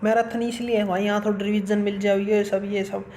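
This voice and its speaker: A man's voice: high voice, flat delivery, a little fast, a little mellow, a little hiss or hum. A man giving blunt, colloquial exam-strategy advice as a coaching YouTuber. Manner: blunt, colloquial, keeps saying "bhai sahab".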